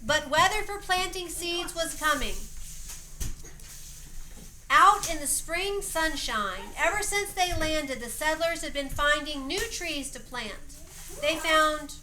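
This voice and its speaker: Narrating a homemade family play, a woman reads the story slowly in a high-pitched, animated voice with a bright, forceful tone. She throws in off-the-cuff directions, coaching others to repeat their lines, all captured in a roomy, noisy amateur home recording.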